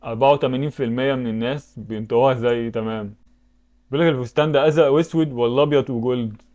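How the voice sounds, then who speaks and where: A YouTuber with an Egyptian Arabic accent plays web games and talks rapid-fire in a medium-pitched, darkish voice. His casual commentary has him thinking aloud and bursting into sudden exclamations.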